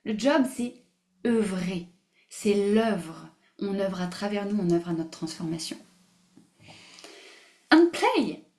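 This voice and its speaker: A woman hosting a live online masterclass, animated and emphatic, repeating phrases, mixing in English words and laughing often. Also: mid-range voice, unhurried. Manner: mixes English words into her speech. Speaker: masterclass host. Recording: roomy echo.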